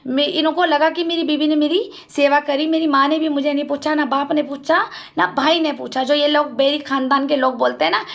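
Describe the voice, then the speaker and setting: Woman with a raspy fry in her voice, vlogging her story, fired up and accusing. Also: sits high, steady tone, a little fast. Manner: impassioned, accusatory, addresses family members directly. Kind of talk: emotional personal account to camera.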